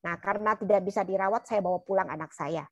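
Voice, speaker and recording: Speaking fast in a medium-pitched voice, a woman shares her testimony at church, earnest and conversational, repeatedly calling her listeners "brothers and sisters." The recording is lo-fi but free of echo.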